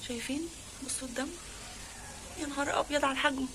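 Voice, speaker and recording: A woman's voice: high-pitched, steady tone, quick pace, noisy background. A woman with an Egyptian accent, vlogging at home and exclaiming anxiously as she talks straight to her viewers. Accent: Egyptian Arabic. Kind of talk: casual vlog commentary to viewers. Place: her apartment, indoors.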